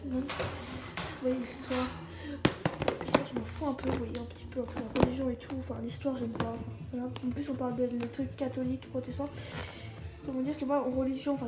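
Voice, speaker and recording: Rambling hoarse woman vlogger, high voice, roomy noisy home recording. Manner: rambling, chatty, slangy. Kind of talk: casual vlog chat.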